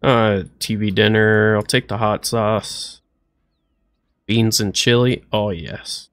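This clear, resonant male voice sits fairly low and sounds fairly bright, moving slowly with a steady tone. He's a streamer in his thirties giving casual commentary on a survival game as he plays, talking to himself in a playful, goofy way and putting on silly voices.

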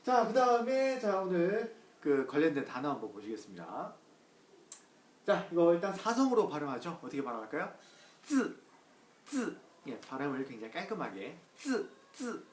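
A man gives a casual pronunciation lesson, chatting with many fillers and slowly repeating each sound several times. His pitch swings a lot as he talks. He sounds a little far from the mic in an echoey room. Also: sing-song. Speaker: Chinese pronunciation teacher. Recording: roomy echo, voice a bit far from the mic.

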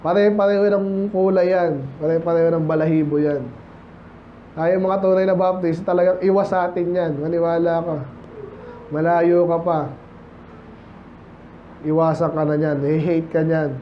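A Filipino-accented man preaches in a relaxed, conversational way, slowing down when he reads scripture. His voice sits high for a man. The church recording sounds dull and lo-fi, with a faint hiss underneath. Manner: conversational preaching, mixing Tagalog and English, quoting scripture slowly. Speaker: pastor. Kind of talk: sermon.

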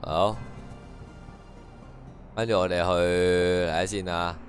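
一位帶香港口音嘅年輕男實況主，邊玩遊戲邊用廣東話講解同揶揄對白。. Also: male voice, deep voice, fairly even intonation, extremely slow. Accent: Hong Kong Cantonese. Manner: dry, mocking running commentary and translation of dialogue. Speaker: game streamer. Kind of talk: casual gameplay commentary. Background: faint game music.

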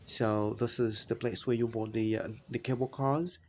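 A man narrating a travel vlog, describing the view in a halting way, with many fillers and restarts. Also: mid-range voice, steady tone, darkish tone, a little hiss or hum. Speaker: travel vlogger.

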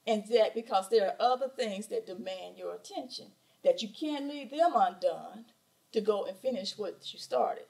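A woman's voice: on the high side, gravelly, darkish tone, rough recording. A middle-aged woman with a Southern US accent preaching a sermon from a church pulpit, with rhetorical questions and emphatic repetition. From southern United States. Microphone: pulpit microphone.

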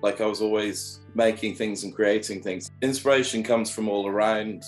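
A man's voice: on the low side, fairly even intonation, moderate pace, faint music behind. A man artist speaking in a plain, matter-of-fact way in an interview. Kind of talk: interview monologue.

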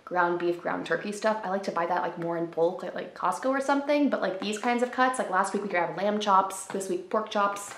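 Her medium-pitched voice echoes around the room as this young woman, a lifestyle vlogger in her twenties, chats to camera at home in her living room. She's upbeat, shows off groceries, and fills her talk with "like."

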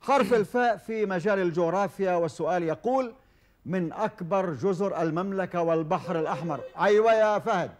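A man hosting a televised quiz show, formal and measured, with frequent hesitation fillers. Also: high-pitched. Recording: old television broadcast recording.

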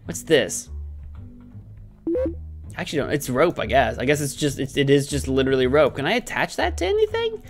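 A man's voice: medium pitch, sing-song, normal speed, pauses often. A man in his thirties giving playful let's play commentary, goofily musing aloud into a close mic. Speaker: host, gaming streamer. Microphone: close desk microphone on webcam stream. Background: faint game music.

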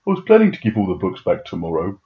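A man's voice: low voice, huge pitch swings, fast talker, highs cut off, voice pushed down. A man voicing a meek, sorry book thief in a children's storybook, speaking apologetically. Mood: remorseful.

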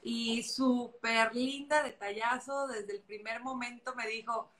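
A woman's voice: fairly high pitch, fairly even intonation, unhurried, a bit bright, echoey room. A woman from Mexico with a Mexican accent, hosting a casual live video chat, playful and enthusiastic, with Mexican slang. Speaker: host. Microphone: video call.

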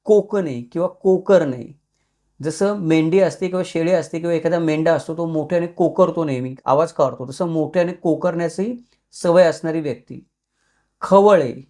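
A man with a Marathi accent, hosting his own channel, who goes through a list of words and explains each one in turn. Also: fairly high pitch. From Maharashtra. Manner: steady list-like explanation, each entry followed by its meaning. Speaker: YouTube channel host. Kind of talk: explanatory talk listing surnames.

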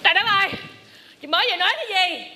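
An actress playing a combative young sister-in-law with a Southern Vietnamese accent, nagging rapidly and indignantly in a stage comedy. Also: female voice, very high voice, animated, bright, forceful tone, a little hiss or hum, heavily acted.

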